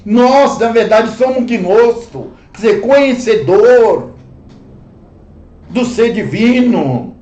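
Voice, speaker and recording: Slow, emphatic Brazilian man preaching. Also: sits high, animated, a little mellow. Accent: Brazilian Portuguese. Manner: slow, emphatic, repeats phrases, addresses listeners as brothers. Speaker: Bible study teacher. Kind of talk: livestreamed Bible study sermon. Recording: echoey room, dull lo-fi sound.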